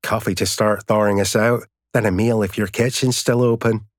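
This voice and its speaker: A man's voice: fairly low pitch, moderate pace, no echo, studio quality, natural voice. A man voicing a weary, practical male hiker. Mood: calm. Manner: practical, calm.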